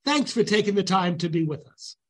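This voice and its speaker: A man's voice: sits high, animated, brisk. A man hosting a conversational interview in an enthusiastic, chatty way. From the Bronx, New York. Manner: enthusiastic, chatty, circling phrases. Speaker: radio show host.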